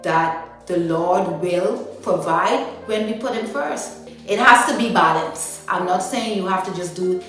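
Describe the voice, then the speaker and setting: A woman's voice: lowish voice, unhurried. Woman in a very echoey room. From Guyana. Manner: chatty, many "you know" fillers. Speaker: interview guest, dance ministry founder. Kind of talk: casual interview answers. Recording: echoey room, mic at a distance, music underneath.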